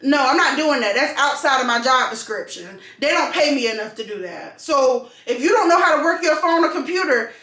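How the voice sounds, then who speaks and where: A woman's voice: high voice, lively intonation, a little fast, few pauses, fairly bright tone. A woman venting casually to camera, emphatic and repeating phrases for stress. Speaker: vlogger and call center customer service worker. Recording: echoey room.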